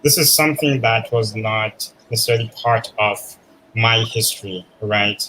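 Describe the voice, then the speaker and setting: A man's voice: fairly low pitch, normal speed, slight background noise, low-quality recording. A man from Zimbabwe telling his story in a casual conversation. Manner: animated storytelling with laughs. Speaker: guest.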